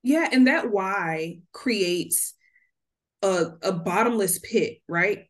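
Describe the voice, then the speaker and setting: A woman's voice: medium pitch, animated, slow pace. A middle-aged woman speaking earnestly in a podcast conversation, often repeating words for emphasis. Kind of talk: candid conversational podcast talk.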